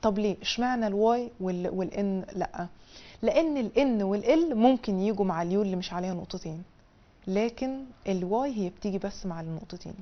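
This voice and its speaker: A woman with an Egyptian Arabic accent teaches a televised language lesson, explaining each point patiently in a colloquial, conversational way. Her voice sits at a middle pitch. The broadcast audio sounds slightly dull and lo-fi. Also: quick pace. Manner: drills syllables in a high sing-song, then explains in colloquial Egyptian Arabic. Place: television studio.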